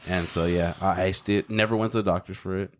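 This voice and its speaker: A man's voice: low-pitched, fairly even intonation, a little fast. A young man co-hosting a podcast, telling a story vividly and acting out his family's voices. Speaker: podcast co-host. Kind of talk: casual chat.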